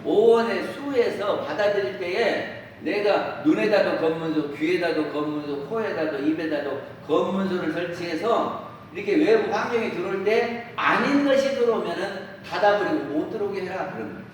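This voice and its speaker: A man's voice: high voice, moderate pace, hardly any pauses. A man who is a Won Buddhist minister, giving a dharma talk to a congregation and often turning to the listeners with questions or acting out everyday remarks. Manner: asks the listeners questions and acts out everyday quotes. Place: temple dharma hall. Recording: very echoey hall, voice from far off, faint hiss.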